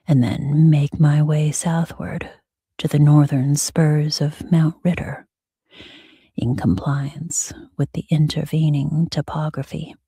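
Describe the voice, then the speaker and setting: A woman reading as a sleep story narrator in a hushed, soothing, breathy ASMR whisper with soft pauses. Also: sits low, dry recording, studio quality.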